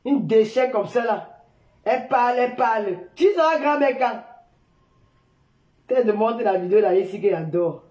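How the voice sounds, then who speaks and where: A woman's voice: a little high, normal speed, long pauses, a little mellow. Older woman ranting in an echoey room. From Cameroon. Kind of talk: heated live-stream rant.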